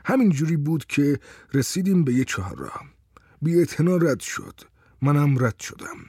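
A man narrating a first-person story in a calm, wry way. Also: fairly high pitch, breathy edge, dry recording, clean studio sound.

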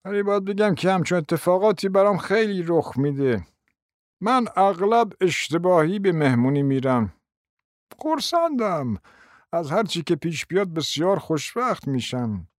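A frail, forgetful old prince, put on by a male narrator, drawling and mumbling, his voice lifted well above the reader's own and sliding up and down. The words come slowly and often trail off into confusion. The recording is close and dry. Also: high-pitched, very animated, dry recording, voice pushed up. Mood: mumbling, muddled. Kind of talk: audiobook character voice.

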